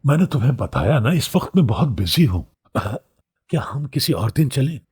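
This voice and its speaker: A man's voice: medium pitch, very animated, a little fast, darkish tone, slightly rough. A man dubbing a drama, playing a busy, fussy middle-aged father who protests a lot and dotes on his daughter. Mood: hurried. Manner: fussy, protesting, fond laughter. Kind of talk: dubbed drama acting.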